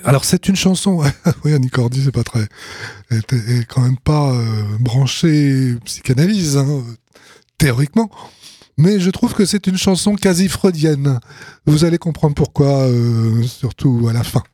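A man's voice: medium pitch, normal speed, warm tone, slightly rough, no echo, clean studio sound. A man hosting a radio show, introducing songs in a hesitant, amused way. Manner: hesitant and amused, many fillers and restarts. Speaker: radio host presenting songs. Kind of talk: casual on-air commentary.

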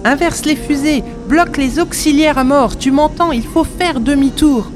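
A brash young smuggler pilot, as a man puts him on for a storybook record, his voice pushed high above the narration and loud. He barks out orders with urgency over faint music. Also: normal speed. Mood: urgent.

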